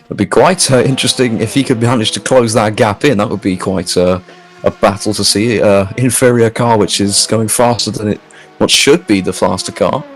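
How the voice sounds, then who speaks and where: A man's voice: lowish voice, steady tone, moderate pace. A man co-commentating an online endurance race, dry and teasing. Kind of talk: sim racing commentary.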